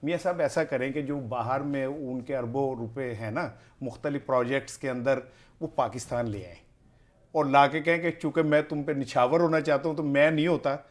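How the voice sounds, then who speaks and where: A man's voice: medium pitch, fairly even intonation. A man giving heated political commentary as an analyst, speaking in an impassioned, rhetorical way and piling up questions.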